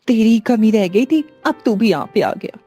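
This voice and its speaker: Spiteful village aunt, taunting, a bit high, played by a woman. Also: lively intonation, normal speed, mellow, breathy edge, soft background music. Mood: scolding. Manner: scolding, taunting.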